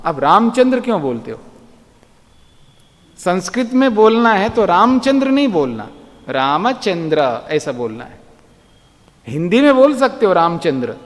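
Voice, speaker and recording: Slow, lively-voiced man teaching in a hall. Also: high-pitched. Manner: patient, repeats words slowly for students. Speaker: Vedic philosophy teacher. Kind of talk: classroom lecture. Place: ashram lecture hall. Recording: long hall reverb.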